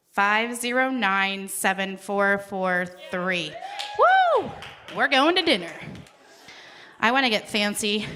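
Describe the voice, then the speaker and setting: A woman's voice: mid-range voice, sharp tone, a little hiss or hum. A woman calling out raffle ticket numbers at a live event, with playful, chatty asides between the numbers. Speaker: raffle caller at a celebration event.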